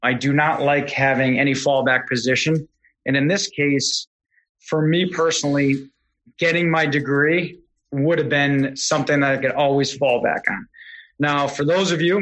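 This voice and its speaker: Middle-aged man, casual storytelling, bright tone, animated. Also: on the high side, rough recording. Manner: animated, self-correcting storyteller. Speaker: podcast guest, real estate investor.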